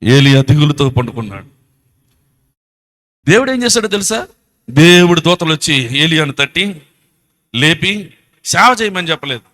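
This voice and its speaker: A man's voice: on the high side, sing-song, moderate pace, long pauses, a bit bright. A man with a Telugu accent preaching a church sermon, telling the story with rhetorical questions and acting out voices. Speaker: pastor.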